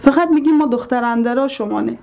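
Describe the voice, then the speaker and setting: A woman's voice: a little high, creaky, lo-fi sound, background noise. An actress playing a fussy, dramatic mother of the house who complains and bickers in a sitcom. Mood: complaining. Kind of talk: sitcom acting. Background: music.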